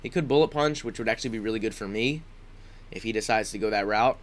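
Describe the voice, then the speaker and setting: Sniffling and stuffed up, a low-voiced man speaks fast as he talks through a game for his YouTube audience. The commentary is casual and thought out loud, with many ums and false starts.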